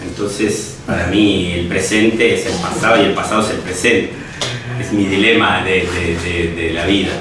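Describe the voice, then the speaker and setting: Speaking in a low, steady voice at a moderate pace, a young Uruguayan history student and teacher reflects during a personal interview. His Spanish accent comes through as he frequently restarts and adds tag questions, while the distant mic picks up room echo and faint noise.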